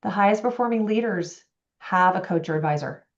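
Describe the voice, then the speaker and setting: A woman executive coach talking in a podcast conversation, animated and acting out quoted voices. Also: mid-range voice, a little fast. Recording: dull lo-fi audio.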